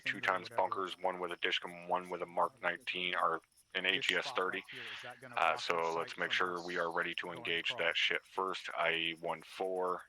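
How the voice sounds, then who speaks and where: A man's voice: deep voice, sharp tone, low-quality recording. A man briefing his squad in a military game, mixing radio jargon with casual swearing.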